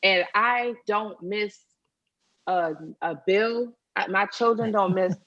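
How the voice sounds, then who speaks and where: A woman guest on a podcast, telling lively, spiritual stories in casual chat. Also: mid-range voice, slow, no room sound, lo-fi sound. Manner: animated storytelling, spiritual testimony. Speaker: guest singer.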